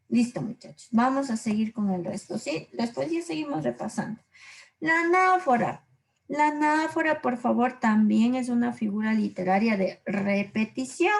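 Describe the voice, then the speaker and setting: A woman teacher explaining literary figures to a class, patient, going through examples slowly and checking in with short questions. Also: fairly high pitch, vocal fry, darkish tone, rough recording. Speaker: language teacher.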